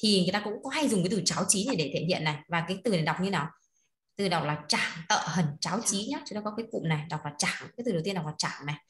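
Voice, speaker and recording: Fast-talking woman teacher. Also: fairly low pitch, lively intonation. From Vietnam. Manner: coaxing, repeats words, prompts students to read aloud. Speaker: Chinese language teacher. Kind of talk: online class teaching. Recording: echoey room.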